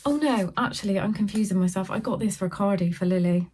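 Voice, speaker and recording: A middle-aged woman chatting through a casual yarn haul, filmed on her phone at home and sometimes talking softly so a sleeping baby stays asleep. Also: mid-range voice, fast, breathy edge. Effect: filmed on a phone camera. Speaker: craft vlogger.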